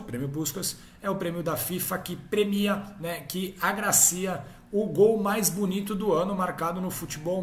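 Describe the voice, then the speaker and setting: A man's voice: fairly high pitch, roomy sound, slight background noise. A man hosting a casual football history talk, chatty and often ending his points with tag questions. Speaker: host.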